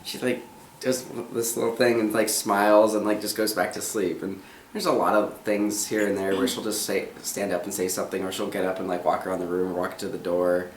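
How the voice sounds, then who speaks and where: A man's voice: sits low, little pitch movement, brisk, echoey room, a little hiss or hum. A young man telling stories in casual chat beside his wife, easygoing and acting out what was said. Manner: easygoing, acts out quotes. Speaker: husband and co-host.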